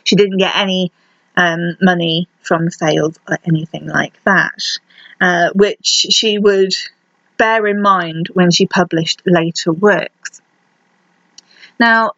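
A woman hosts a podcast and talks through history in a relaxed, conversational way, dropping in dry, wry asides. Her voice sits at an ordinary middle pitch. The recording is dry and a little dull, with no room sound around it. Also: dry recording. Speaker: podcast host. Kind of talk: casual history storytelling.

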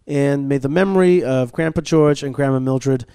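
Speaking at a normal pace in a smooth, warm, mid-range voice, an Israeli podcast host runs a casual radio talk show from a learning center's studio. His sponsor plugs are peppered with fillers and restarts, captured in a dry, studio-quality recording.

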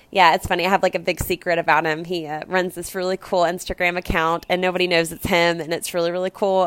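A woman's voice: on the low side, smooth, no room sound. A young American woman with a Valley Girl accent and lilting uptalk, telling personal stories in a casual, confessional way, peppered with filler words. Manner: conversational, peppered with "like" and "you know". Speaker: podcast host.

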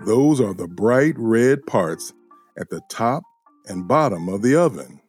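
Guy doing a calm patient bear buddy, talks slow, kids show. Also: on the low side, husky, faint music behind. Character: gentle male bear friend, patient teacher.

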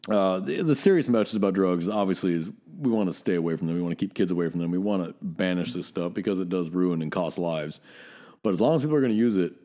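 Man, middle-aged, from Northern California, cop podcast co-host, low mellow voice, blunt profane storyteller. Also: animated, fast talker. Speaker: podcast co-host, police officer. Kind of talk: casual podcast chat.

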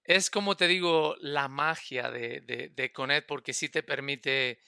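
A man's voice: mid-range voice, a little slow, vocal fry, pushed and bright, clean tone, no room sound, clean studio sound. A man, a podcast guest, explaining a technical topic in a stop-start way, repeating words as he thinks. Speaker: guest expert.

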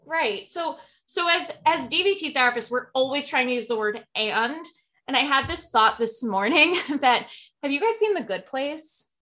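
A woman's voice: high voice, lively intonation, normal speed, pushed and bright. A woman co-hosting a podcast as a therapist, telling anecdotes animatedly and laughing easily. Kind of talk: casual podcast chat.

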